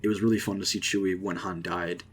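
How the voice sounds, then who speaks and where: A young man casually rambling through an excited movie reaction, with lots of fillers and restarts. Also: low voice, fast talker, slightly rough. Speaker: vlogger.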